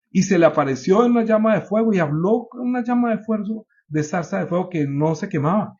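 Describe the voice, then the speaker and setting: A man preaching with a fairly high voice that keeps climbing to emphatic peaks, then drops low to draw the listener in. He often turns to his congregation with questions as he teaches. The sound is dull and lo-fi. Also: darkish tone. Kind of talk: sermon.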